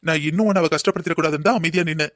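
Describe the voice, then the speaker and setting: A patient young cartoon husband, voiced by a man, soothing and explaining at a quick clip. His voice is slightly high and dry, close to the mic. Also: fairly bright tone, no room sound, natural voice. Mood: calm. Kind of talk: cartoon voice acting.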